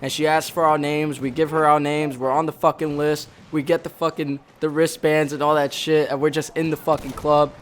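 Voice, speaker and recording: A man's voice: on the high side, flat delivery, normal speed, few pauses. A young man from the Bronx, a former Marine, telling a rambling, profanity-heavy story in casual chat over gameplay, often correcting himself mid-sentence. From the Bronx, New York. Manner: rambling, heavy swearing, frequent self-corrections.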